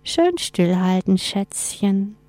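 A woman's voice: mid-range voice, big pitch swings, slow pace, dark tone, no echo, faint music behind. A woman voicing a cruel, hungry night creature with a cold, gloating whisper.

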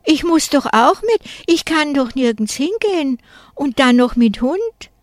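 A woman's voice: high-pitched, sing-song, measured pace, dry recording, pitched above the performer's own voice. A woman reading a children's story aloud, voicing a stubborn, indignant schoolgirl in a dry, close voice. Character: defiant schoolgirl with a big dog.

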